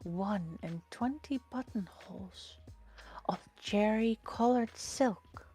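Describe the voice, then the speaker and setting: A woman voicing a poor, anxious old male tailor in a storybook, lamenting in a hushed, half-whispered voice. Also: fairly low pitch, slow pace, soft background music.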